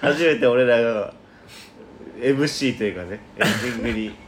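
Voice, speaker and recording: A man's voice: medium pitch, moderate pace, slight background noise. A young man in his twenties, co-hosting a casual chat show, telling a story and acting out quotes. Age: 20s. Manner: animated storytelling, acts out quotes. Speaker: podcast co-host.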